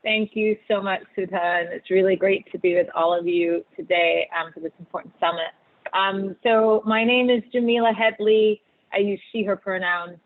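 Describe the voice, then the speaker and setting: A woman from Barbados, a panelist, talking thoughtfully over a video call with many pauses and fillers. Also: medium pitch, fairly even intonation. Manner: thoughtful, many ums and uhs. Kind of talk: conversational answer on a video call. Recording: tinny phone-like video call audio.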